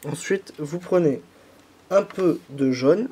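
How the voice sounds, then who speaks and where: Speaking slowly in a fairly high, warm voice with a breathy edge, this young man from France has a mild head cold. He's a YouTuber patiently guiding viewers through each stage of a candy kit tutorial, with plenty of filler words.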